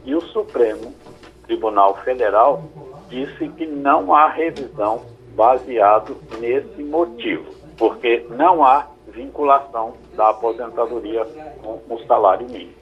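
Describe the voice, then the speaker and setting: A lawyer, answering callers' questions on a radio call-in show in a measured, explanatory way. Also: male voice, medium pitch. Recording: phone-like radio line.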